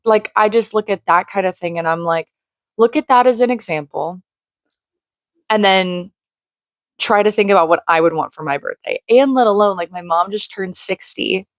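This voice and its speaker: A woman's voice: mid-range voice, normal speed, dry recording. A woman in her late twenties, slightly crackly from screaming, talking earnestly in a rambling casual monologue full of "like". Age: late 20s. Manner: rambling, heavy use of "like", earnest. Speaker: vlogger. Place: home room by a shared wall.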